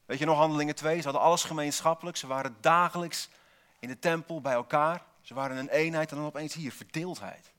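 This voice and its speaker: A man's voice: fairly high pitch, fairly even intonation, fast, fairly bright tone. Man preaching a sermon, repeating key words. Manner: builds points with repeated single words and rhetorical questions; wry asides to the congregation.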